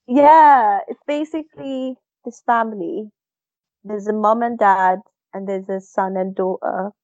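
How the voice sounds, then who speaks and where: A woman's voice: mid-range voice, a little slow, a little mellow, no room sound, lo-fi sound. A woman co-hosting a casual chat, talking enthusiastically about a show she recommends. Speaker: podcast co-host.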